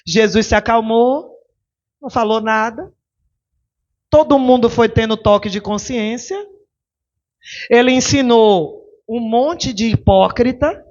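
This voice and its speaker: A woman pastor, preaching animatedly and firing rhetorical questions at the congregation. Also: mid-range voice. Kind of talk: sermon. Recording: dull lo-fi recording.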